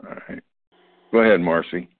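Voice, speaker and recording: A man informally chairing a meeting, speaking in a hesitant, halting way as he calls on people. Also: low-pitched, fairly even intonation. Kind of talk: informal moderating. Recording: tinny phone line.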